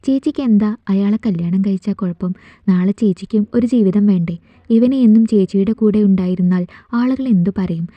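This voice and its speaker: A woman's voice: mid-range voice, dry recording, natural voice. A woman voicing a cheeky schoolboy little brother who pesters and persuades his sister, in a storybook reading on a dull, dry recording.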